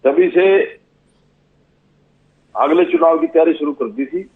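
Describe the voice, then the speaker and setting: A man from Haryana, a state legislator answering in a TV debate, speaking deliberately and repeating phrases. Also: on the high side, lively intonation, phone-quality sound. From Haryana, India.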